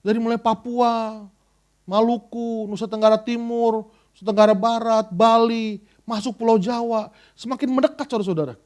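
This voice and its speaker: High-voiced animated male preacher. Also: normal speed. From Indonesia. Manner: animated storytelling, swings between loud and hushed. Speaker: pastor. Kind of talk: sermon.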